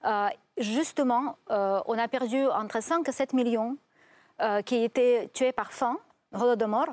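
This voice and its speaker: A woman's voice: fairly high pitch, a little slow, a little mellow, no echo. A woman, a guest in a studio debate, speaking earnestly with many hesitations.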